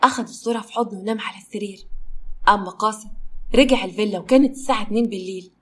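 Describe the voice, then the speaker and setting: A woman with an Egyptian accent narrating a story in a lively way. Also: medium pitch, racing, breathy edge.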